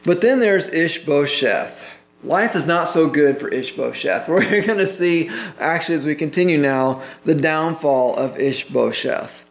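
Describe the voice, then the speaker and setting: A man's voice: a little high, expressive, measured pace, creaky, roomy sound. A man pastor teaching a Bible sermon in a conversational way, full of "you know" fillers.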